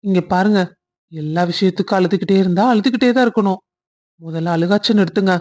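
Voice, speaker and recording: A woman voicing a kind young man in a cartoon love story who speaks earnestly and reassures gently. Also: medium pitch, fast, muffled recording, lightly acted.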